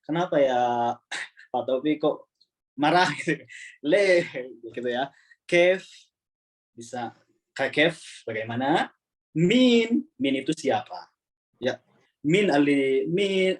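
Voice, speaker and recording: A man teaching an online Arabic class over a video call, relaxed and chatty, often repeating words as he explains. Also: mid-range voice.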